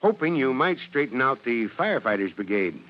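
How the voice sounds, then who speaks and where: A man's voice: mid-range voice, big pitch swings, a little fast, lightly acted. A man playing a genial, fatherly and slightly sly fire chief in an old-time radio drama, with avuncular authority. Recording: dull old radio recording.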